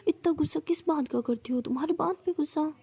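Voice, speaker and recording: A woman's voice: sits high, brisk, vocal fry, mellow, voice pushed up. A woman voicing an affectionate young woman who sweet-talks and pleads with her upset girlfriend in a told love story. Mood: coaxing.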